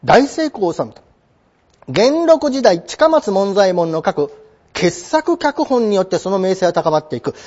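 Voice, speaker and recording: A man with a very high voice gives a textbook lesson, his pitch leaping all over as he poses questions and answers them himself. The sound is dull and lo-fi. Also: big pitch swings, a little mellow. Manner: acts out quick imagined exchanges with questions and answers. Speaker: teacher. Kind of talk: textbook lecture.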